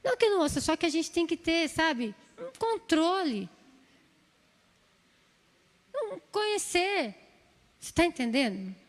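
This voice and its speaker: A woman with a São Paulo Brazilian accent delivers a sermon in a church hall. Her voice sits high, and she pleads earnestly, circling back over the same phrases. A long reverb trails each line across the room. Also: sing-song, measured pace, pauses often. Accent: Brazilian Portuguese, São Paulo. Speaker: preacher.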